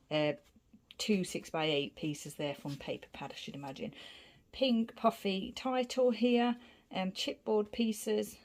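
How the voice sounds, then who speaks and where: A woman casually showing her scrapbook layouts, rambling from one piece to the next as she describes the materials. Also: lowish voice. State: out of breath. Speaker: scrapbooking vlogger. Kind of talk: casual craft show-and-tell.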